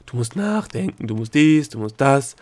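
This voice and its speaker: A man voicing a sharp-tongued, sarcastic young princess in an audiobook. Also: mid-range voice, quick pace, close to an everyday voice. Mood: exasperated. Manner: snappy, sarcastic. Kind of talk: audiobook character voice.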